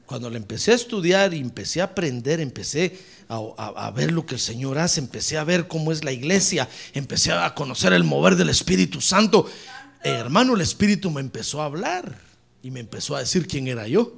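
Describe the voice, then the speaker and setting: A high-pitched male pastor preaching with a gravelly edge and a bright, sharp tone. His voice swings widely as he jokes with the congregation and keeps calling them brother. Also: fairly quick. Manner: lively, joking preacher who keeps calling listeners brother. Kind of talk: sermon. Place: church service.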